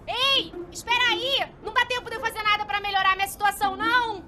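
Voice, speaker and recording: Woman acting a very high-pitched, panicky young woman. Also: steady tone, fast talker. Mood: pleading, resigned. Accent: Brazilian. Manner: slangy, whiny, exclaiming. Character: panicky sarcastic young woman falling to her death. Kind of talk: comedic spiritual sketch acting.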